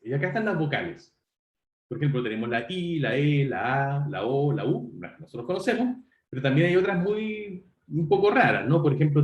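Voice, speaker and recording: A medium-pitched male voice comes through reverberant, dull audio. He's running an online university lecture in a conversational style, speaking straight to students and catching his own mistakes.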